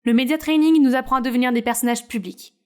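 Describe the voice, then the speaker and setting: High-voiced woman narrating a story. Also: fast talker, smooth.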